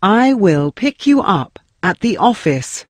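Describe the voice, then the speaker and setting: Mid-pitched reader, slow, lively intonation, repeats lesson lines; dry close mic. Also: dry recording.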